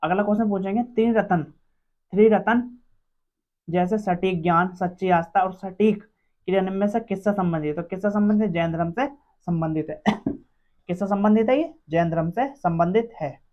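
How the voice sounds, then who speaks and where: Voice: mid-range voice, normal speed. A teacher running an exam-prep quiz lesson, asking each question aloud and answering it, repeating every answer several times. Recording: dull lo-fi recording.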